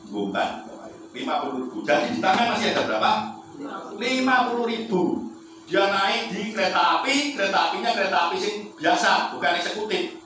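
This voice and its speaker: A male preacher tells a story in an animated way during his sermon and keeps turning to the congregation with questions. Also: high voice, a little fast, distant mic, background noise. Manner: animated, addresses the congregation often. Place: large echoey church hall. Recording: echoey hall, off-mic.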